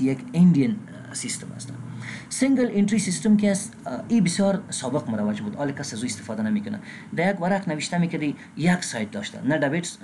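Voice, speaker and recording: A man with an Afghan Dari accent gives a recorded accounting lecture, reading English terms slowly and pausing with filler sounds. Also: medium pitch, a little mellow, slight background noise. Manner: frequent filler sounds and restarts. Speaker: accounting instructor.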